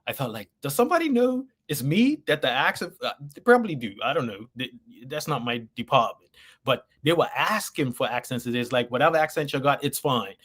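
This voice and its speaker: A man's voice: mid-range voice, lively intonation, fast talker, fairly bright tone. A man from Bermuda with a Bermudian accent, an actor chatting as an interview guest and acting out bits of quoted dialogue as he tells stories. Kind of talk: casual conversational interview, anecdotal.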